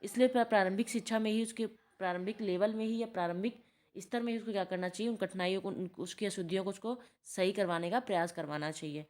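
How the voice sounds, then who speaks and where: Woman tutor, lecturing from notes, quizzing then self-answering, mid pitch. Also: fast talker, a little mellow. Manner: asks questions then answers them herself. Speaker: teacher-training tutor. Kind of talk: spoken lecture explaining notes.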